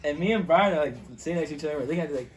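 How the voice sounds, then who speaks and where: A man's voice: a little high, very fast, a crowd in the background. A young man co-hosting a podcast, chiming in with profane slang to a friend's story. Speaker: podcast co-host. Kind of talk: casual banter.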